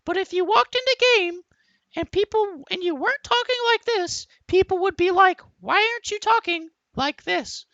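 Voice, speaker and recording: A man putting on a high, squeaky goblin voice that is shrill and nasal. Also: animated, moderate pace, sharp tone, no room sound, highs cut off, full character voice. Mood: mock-goblin. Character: squeaky high-pitched goblin voice, male, comic.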